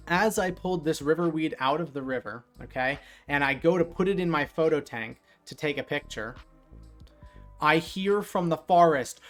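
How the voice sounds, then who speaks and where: A man casually retelling a night fishing trip in a chatty, animated way, with lots of fillers. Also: fairly high pitch. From New Jersey. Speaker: streamer. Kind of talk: casual storytelling.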